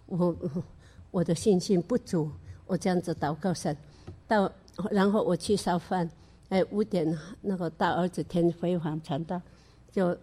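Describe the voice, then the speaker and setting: An older woman tells a personal faith testimony in an earnest, halting manner, often stopping to restart. Her voice sits fairly low and sounds mellow and dark. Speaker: church member giving testimony.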